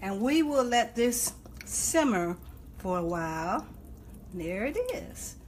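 A woman's voice: medium pitch, animated, takes it slowly, slight background noise. A woman in her fifties cooking in her home kitchen and explaining each step as she goes, recorded on a phone that moves around her. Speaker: guest cook. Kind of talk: cooking demonstration.

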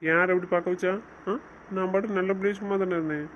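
A young man speaking softly to his wife in a coaxing, gently teasing way. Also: high voice, steady tone, quick pace, slight background noise. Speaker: husband in a couple's chat. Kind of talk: casual couple banter. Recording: muffled lo-fi recording.

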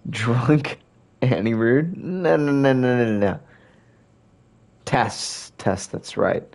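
A young gamer talks to his stream chat in a loose, rambling way, hiccuping and burping throughout. He speaks slowly in a medium-pitched, darkish voice with lively intonation and vocal fry.

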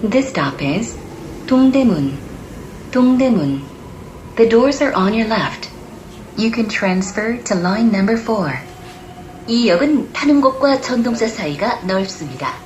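Formal woman's subway announcement over train speakers. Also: lo-fi sound. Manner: calm, measured, formal and polite. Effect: train announcement over onboard speakers. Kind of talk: recorded transit announcement. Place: inside a moving subway train. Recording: echoey train car with loud rail noise. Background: train rumble and carriage noise.

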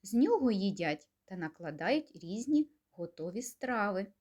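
Slow, singsong kindergarten teacher woman. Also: medium pitch, big pitch swings. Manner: slow, gentle, coaxing questions with pauses. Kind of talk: speech lesson for young children.

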